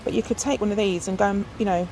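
Talking fast in a mellow, medium-pitched voice, a middle-aged shopping vlogger films the aisles of a large discount shop on her phone. She chats casually and thinks aloud with frequent ums, and the recording carries noisy shop ambience.

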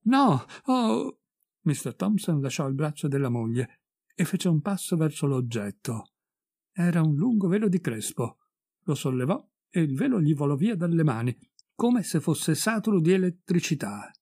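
A man reading a ghost story aloud as an audiobook, voicing the characters with raised pitch and emphasis. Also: big pitch swings, normal speed, dark tone, slightly rough, dry recording, studio quality. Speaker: audiobook reader. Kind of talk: expressive audiobook narration.

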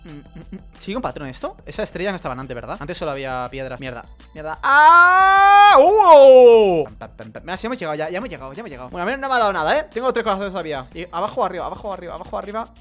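A man's voice: on the high side, big pitch swings, racing, fairly bright tone, faint music behind. A man with a Spain Spanish accent giving jokey let's play commentary, reading game text aloud and muttering curses under his breath. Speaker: gaming YouTuber.

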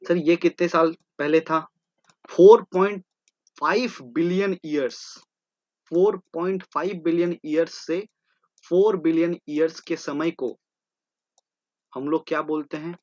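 Male tutor, exam-prep lecture, asks and answers himself, slightly high-pitched, dull lo-fi recording. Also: steady tone, a little slow, pauses often, darkish tone, no room sound. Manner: repetitive, drilling terms, asking and answering his own questions. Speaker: teacher. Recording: dull lo-fi sound.

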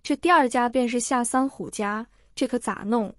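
A woman narrates a village drama in a steady, scripted reading voice that sits a little high. The sound is dry and close, with no room around it. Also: moderate pace, no echo. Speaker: storyteller.

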